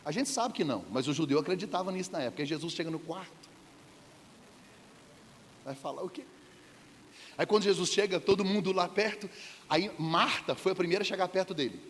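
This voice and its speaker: A man's voice: high voice, lively intonation, a little fast, pauses often. A man preaching a humorous sermon, joking and questioning the congregation. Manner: playful, jokes and asks the congregation questions. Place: church hall. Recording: church hall reverb, faint background noise.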